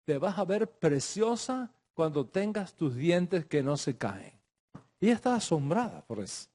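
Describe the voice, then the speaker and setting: A man's voice: a little high, very animated, measured pace, dark tone. A middle-aged man teaching a religious class, emphatic, repeating phrases and restarting his sentences. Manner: speaks in Spanish with Hebrew religious terms.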